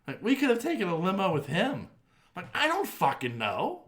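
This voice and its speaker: A man's voice: sits high, wildly swooping pitch, normal speed, a bit bright. A middle-aged man, co-hosting a podcast and telling a story in a casual, profane way, acting out quotes and laughing often. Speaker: podcast co-host.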